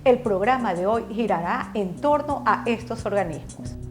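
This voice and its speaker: A woman's voice: fairly high pitch, lively intonation, normal speed, music in the background. A woman hosting a programme in a formal, scripted presenting style. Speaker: programme host.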